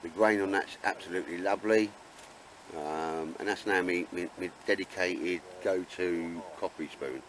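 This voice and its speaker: A man with a low voice and an Essex accent hosts a casual outdoor vlog. He banters in a laddish, matey way, chatting to camera and friends, with clear ambient noise around him. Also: normal speed, rough recording. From Essex, England. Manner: laddish and jokey, calls friends mate and sir. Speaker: vlog host filming a camping trip. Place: outdoors at a woodland campsite.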